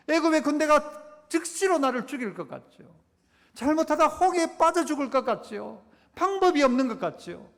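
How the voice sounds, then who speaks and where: A pastor preaching a sermon, repeating points and putting rhetorical questions to the congregation. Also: male voice, very high voice, a bit bright. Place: church sanctuary. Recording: echoey church sanctuary.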